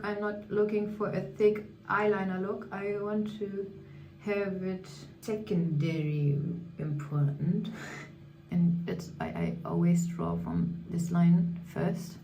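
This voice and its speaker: A woman in her thirties, a beauty vlogger, talks candidly while doing her makeup, her fairly low, dark voice carrying vocal fry, fairly even intonation and a slightly slow pace. English isn't her first language, so she sometimes searches for words. The room is echoey, the mic sits at a distance, and faint music plays.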